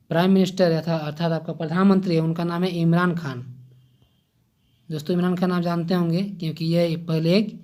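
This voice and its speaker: A man's voice: high voice, a little mellow. Chatty man teaching a quiz lesson. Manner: chatty, keeps saying "friends" and "okay?"; pauses and hesitates, loses his place. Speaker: exam-prep tutor. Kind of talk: casual general-knowledge lesson.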